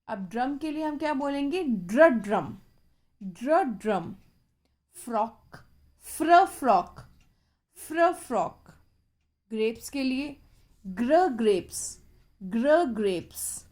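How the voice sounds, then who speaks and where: A woman's voice: a little high, a little mellow. A woman teacher with an Indian accent leads a phonics lesson for children, repeating each blend sound and mixing Hindi with English words.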